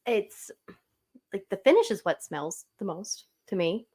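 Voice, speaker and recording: A woman with a South Jersey accent chatting casually on a podcast about her husband's hobby, playful and quick to laugh. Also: mid-range voice, lively intonation, dark tone, slightly rough. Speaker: podcast guest, host's wife. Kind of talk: casual chat.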